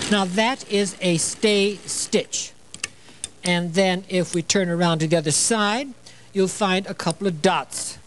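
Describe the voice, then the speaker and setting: A man's voice: high voice, a little hiss or hum, poor audio. An older man from Illinois hosting a sewing demonstration on a television show, chatty and playful, with frequent "you know" and joking asides. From Illinois, USA. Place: TV studio.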